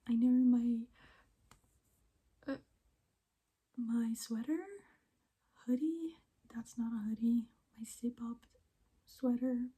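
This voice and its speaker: A young woman speaks in a soft, unvoiced ASMR whisper. Her voice is very airy and breathy, with a dark, mellow tone. She takes her time and chats along, often stopping to correct herself. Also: on the high side. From Iceland. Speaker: ASMR creator.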